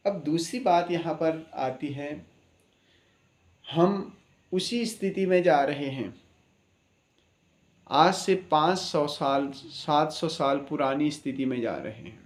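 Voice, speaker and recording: A man's voice: fairly high pitch, slow pace, pauses often, echoey room. A man, an astrologer, giving an impassioned spoken address, earnest and preaching, with many rhetorical questions.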